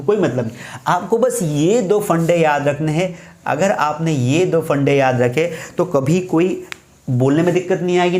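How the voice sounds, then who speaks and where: A male teacher giving a lively grammar class. He repeats his main points and keeps asking the students questions. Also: a little high. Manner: mixes English phrases into Hindi. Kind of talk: classroom lecture. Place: writing on a board while teaching.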